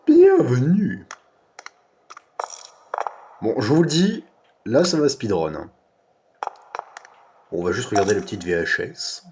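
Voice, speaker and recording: A young man with a French accent giving playful, excitable commentary while playing a horror game. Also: fairly low pitch, moderate pace, long pauses, slight background noise. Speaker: gaming youtuber. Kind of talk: casual horror game let's play commentary.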